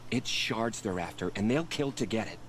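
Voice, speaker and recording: A man's voice: lowish voice, expressive, moderate pace, a bit bright. An actor playing a frightened, grumbling male herb gatherer in a video game. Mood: fretful. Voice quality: grumbling, fretful. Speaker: game character. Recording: game audio with faint background noise.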